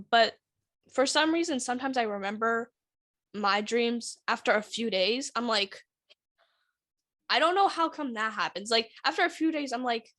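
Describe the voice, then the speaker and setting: A woman's voice: on the high side, a bit bright, dry recording, studio quality. A young woman co-hosting a podcast, chatting casually and laughing often between sentences. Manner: giggly, laughs often while talking. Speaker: podcast co-host. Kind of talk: casual chat.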